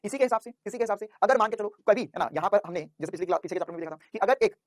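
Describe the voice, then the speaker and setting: A man's voice: high-pitched, lively intonation, racing, no room sound, clean studio sound. A man teaching a physics class, who asks questions and answers them himself and calls his students "बेटा".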